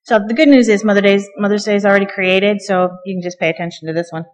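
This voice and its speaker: A woman's voice: medium pitch, fairly even intonation, fast talker. A middle-aged woman preaching a conversational sermon from the pulpit, chatty and joking, with frequent ums. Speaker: guest preacher. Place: church sanctuary. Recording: long reverb of a church hall.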